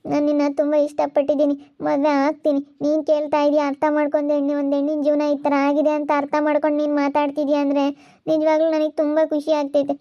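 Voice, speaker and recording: A woman's voice: high-pitched, completely flat delivery, fast, mellow. A woman playing sorrowful jilted young woman. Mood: heartfelt. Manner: heartfelt pleading talk. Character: wronged young village woman, grateful and sorrowful. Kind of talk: amateur village skit acting. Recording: dull lo-fi sound.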